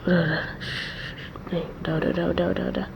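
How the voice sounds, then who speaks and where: Soothing gravelly woman, whispered role-play. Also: fairly low pitch, flat delivery, quick pace. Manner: soothing, repeats comforting words, soft and close. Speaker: ASMR role-play creator. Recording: dull lo-fi mic with faint hiss.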